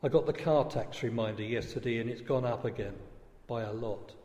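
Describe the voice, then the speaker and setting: A man reading the lines of a brisk, stern middle-aged mother, heard with long reverb. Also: mid-range voice, mellow, close to an everyday voice. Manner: brisk, commanding.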